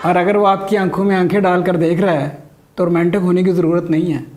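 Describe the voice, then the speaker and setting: Fairly quick and fairly even in intonation, a high-pitched man with a darkish tone works through a stand-up routine. His jokes come out dry, the audience laughs along, and the recording is noisy.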